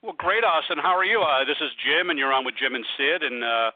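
An American man hosting a casual sports talk interview, speaking in a halting, rambling way. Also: a little high, no room sound. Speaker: radio show host. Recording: thin, dry phone-like radio audio.

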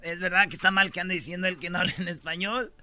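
A man hosting a comedy podcast, telling news stories in slangy, animated chat. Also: high voice, quick pace. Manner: slangy, animated storytelling with put-on quotes. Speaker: radio podcast host.

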